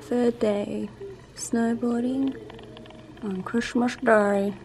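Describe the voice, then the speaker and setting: A woman narrating her vlog in a relaxed, chatty way as she walks to a cafe. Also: fairly high pitch, extremely slow, slight background noise, rough recording. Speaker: vlogger.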